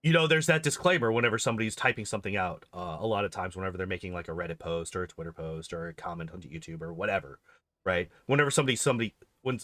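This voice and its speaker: In a lowish voice with a sharp tone, captured dry, a game streamer and video host chats casually on a livestream. He rambles and emphatically repeats phrases to get his points across.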